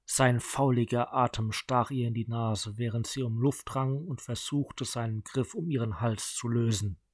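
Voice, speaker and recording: A man narrating a fantasy story as a fan audiobook, measured and dramatic. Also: medium pitch, steady tone, dry recording, clean studio sound.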